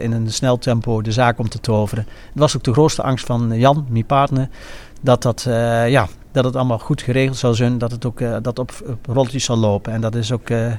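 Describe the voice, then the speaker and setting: A man speaks in an informal, reminiscing way with a regional accent from the east of the Netherlands. His delivery is halting and hesitant, and he often stops mid-sentence to find the next word. His pitch sits in a middle range for a man. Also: darkish tone. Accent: regional eastern Dutch. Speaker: former carnival prince and innkeeper recounting his carnival.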